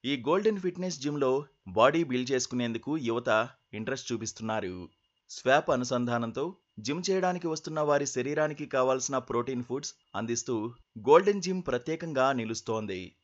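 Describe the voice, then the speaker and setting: A man's voice: mid-range voice, lively intonation, fairly quick, dull audio. A man narrating a scripted news feature as voice-over.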